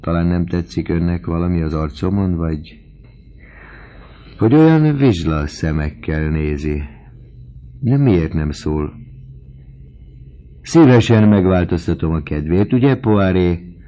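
A man voicing a boisterous, mocking middle-aged male lodger in a story reading, loud and teasing. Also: low-pitched, lively intonation, long pauses, muffled recording. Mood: jovial mocking.

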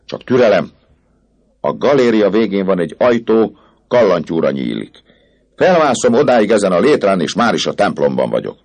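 A man's voice: low voice, pitched above the performer's own voice, exaggerated voice. A man doing a cocky young student. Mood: excited. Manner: boastful, excited exclaiming. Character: cocky young male student, boastful and excitable.

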